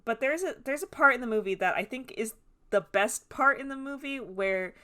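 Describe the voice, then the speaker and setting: A woman's voice: fairly high pitch, animated, moderate pace, bright, forceful tone. A woman co-hosting a podcast in casual chat, rambling with many fillers and often breaking into giggles. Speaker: podcast co-host.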